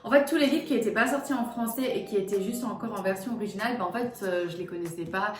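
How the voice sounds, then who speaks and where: A young woman chatting casually in a book vlog, animated, swinging between quiet asides and excited bursts. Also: mid-range voice, fast talker. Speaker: booktuber. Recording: echoey room with faint music.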